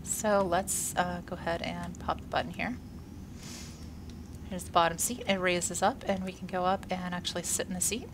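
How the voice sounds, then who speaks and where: With a fairly low, steady voice at a moderate pace, a gaming video creator casually and cheerfully talks over her space-game play amid a noisy background. Congestion and slight wheezing linger from a workout and illness. "Uh" fillers are frequent.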